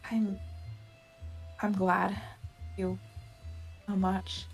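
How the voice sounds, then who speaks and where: A woman player speaking in character at a tabletop game, quiet and gentle. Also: medium pitch, level tone, extremely slow, creaky. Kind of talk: in-character tabletop role-play. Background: faint background music.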